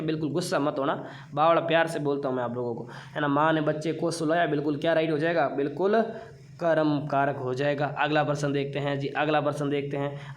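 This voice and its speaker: A young man runs an online exam-prep class, his voice sitting a bit high. He teases his students playfully, tossing out questions and then answering them himself. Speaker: teacher.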